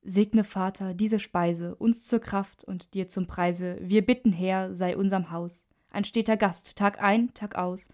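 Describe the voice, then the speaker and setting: A woman voicing a pious father who slowly recites a table prayer. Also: mid-range voice, fairly even intonation, dark tone, natural voice. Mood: solemn. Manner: slow, solemn, recited. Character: pious father saying grace.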